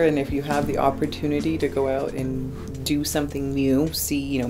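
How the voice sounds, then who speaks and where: A woman from El Salvador who works as a teacher, talking in an upbeat, encouraging way in an interview. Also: rumbling low. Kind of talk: enthusiastic interview talk. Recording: guitar music behind.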